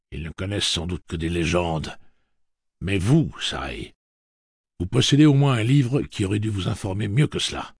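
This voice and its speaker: A man voicing a stern gunslinger leader who speaks in a cutting, booming tone. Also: gravelly, husky, no echo, studio quality, heavily acted.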